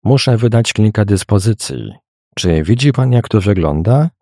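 A man voicing a young woman in an audiobook, brisk and cheerful but a little evasive. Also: on the low side, lively intonation, a little mellow, dry recording, studio quality. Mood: guarded. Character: young woman driving a carriage, teasing and guarded.

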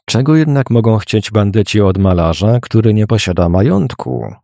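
A man voicing a young male painter in an audiobook, polite and measured, quietly cautious. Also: fairly low pitch, animated, dry recording, clean studio sound. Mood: guarded.

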